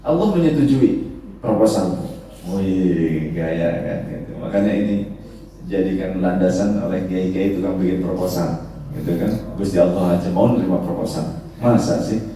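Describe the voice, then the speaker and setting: A man giving a sermon, telling stories in a joking, lively way with frequent laughter. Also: sits low, normal speed, a little hiss or hum. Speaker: preacher. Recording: echoey hall, distant mic, faint ambience.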